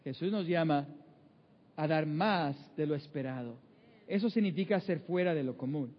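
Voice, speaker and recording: A man's voice: on the high side, moderate pace. A man preaching a sermon in a conversational way, with many fillers and acted-out inner voices. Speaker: pastor. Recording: muffled sound in a reverberant hall.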